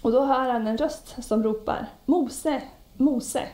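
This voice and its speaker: A woman's voice: on the high side, fairly even intonation. Woman preaching in an echoey room. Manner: warm conversational storytelling with frequent hesitations. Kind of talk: sermon.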